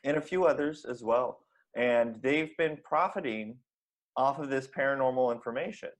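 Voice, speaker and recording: A man's voice: medium pitch, normal speed. A man co-hosting a comedy podcast, talking in a rambling, mock-serious way with lots of fillers. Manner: rambling, earnest, many fillers. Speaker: podcast co-host.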